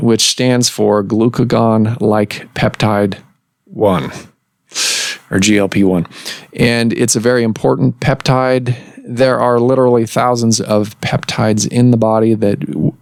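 A man hosting a medical podcast, explaining things in a measured way with pauses and restarts. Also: medium pitch, a little mellow, no room sound, studio quality. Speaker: podcast host and surgeon. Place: office recording room.

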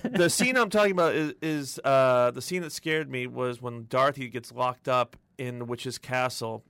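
A man on a casual podcast, telling a childhood memory as an expressive storyteller. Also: medium pitch, normal speed, vocal fry, slight background noise. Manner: expressive storyteller who laughs as he recalls things. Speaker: podcast co-host.

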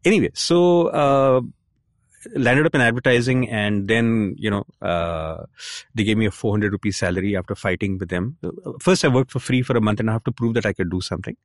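A man's voice: fairly low pitch, fairly quick, no echo, studio quality. A man from south India with an Indian accent, telling stories casually as an interview guest and slipping between English and Hindi. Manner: animated code-switching between English and Hindi.

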